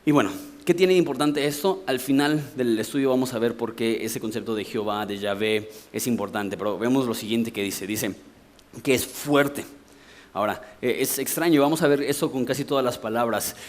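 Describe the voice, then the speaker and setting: A man's voice: medium pitch, normal speed. A Mexican man preaching a sermon from the pulpit, explaining things in a conversational way and asking rhetorical questions. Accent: Mexican Spanish. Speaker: pastor.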